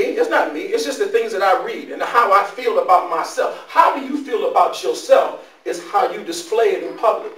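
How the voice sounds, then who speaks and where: A man in his forties giving an animated, preachy motivational talk to young people in a school room. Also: extremely high pitch. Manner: animated and preachy, breaks into loud street-slang impressions. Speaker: motivational speaker. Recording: echoey room, voice from a distance.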